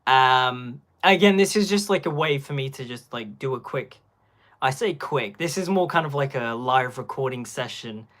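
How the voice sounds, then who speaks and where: A man's voice: mid-range voice, lively intonation, normal speed, a bit bright. A young man giving casual live-stream commentary on a phone, rambling and packing his talk with filler words.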